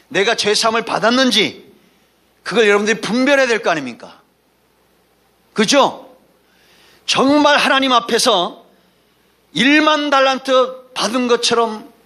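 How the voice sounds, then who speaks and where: A man's voice: very high-pitched, pushed and bright. A man preaching a Sunday sermon as pastor, emphatic and folksy, calling for responses from the congregation between anecdotes. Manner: folksy, mixes asides and anecdotes.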